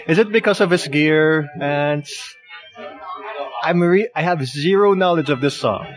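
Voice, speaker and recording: A man's voice: a little high, a little slow. Casual man chatting over music. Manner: teasing, laughs often. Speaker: podcast co-host. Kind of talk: casual chat about wrestling picks.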